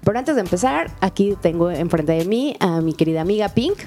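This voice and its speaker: A woman's voice: on the low side, lively intonation, a little fast, dark tone. A woman with a Mexican accent hosting a casual group podcast in a playful, teasing manner. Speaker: podcast host. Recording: music playing behind the voice. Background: music.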